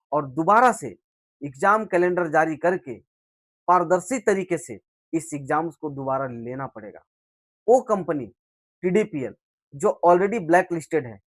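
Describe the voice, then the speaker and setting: A man giving impassioned political commentary, speaking rhetorically and swinging between loud emphatic bursts and low, quiet lines. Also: no room sound. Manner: rhetorical, swells and drops in loudness for emphasis.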